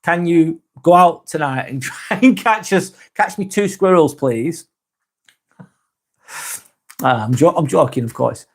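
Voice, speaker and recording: This livestream host from England has a voice on the high side, expressive and slow, with frequent pauses. He reads the chat and talks with viewers in a relaxed way, laughing easily and often correcting himself.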